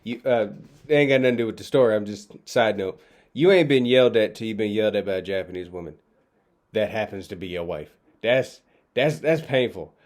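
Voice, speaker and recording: A man's voice: fairly low pitch, fairly quick. A man chatting casually to his viewers from his kitchen, talking into a laptop mic in a loose, slangy, rambling way with lots of fillers. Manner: laid-back, slangy, rambling with many fillers. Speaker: vlogger. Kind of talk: casual chat to camera. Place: home kitchen. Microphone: laptop microphone.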